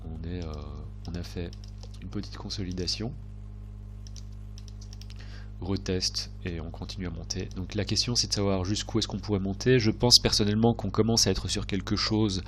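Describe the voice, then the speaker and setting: A man hosting a trading video speaks in a low, slightly congested voice that sounds like he has a cold. His chart commentary is hesitant and unscripted, and he often corrects himself while thinking aloud. There is slight background noise.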